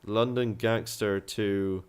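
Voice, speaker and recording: A man's voice: on the low side, fairly even intonation, takes it slowly, a little mellow, clear, resonant tone. A young man giving casual, chatty commentary while playing a game, thinking aloud and swearing casually. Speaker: gaming video host.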